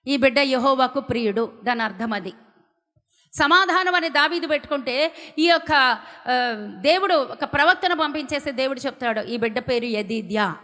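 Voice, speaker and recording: A woman preacher from India giving a fervent sermon, swinging from loud declarations to hushed, pleading lines. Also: high voice, normal speed. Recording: long hall reverb.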